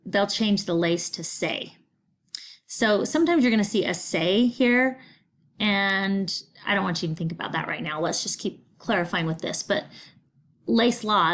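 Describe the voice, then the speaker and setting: A middle-aged woman, patiently teaching a recorded Spanish lesson, explaining grammar step by step. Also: medium pitch. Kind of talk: recorded remote class lesson.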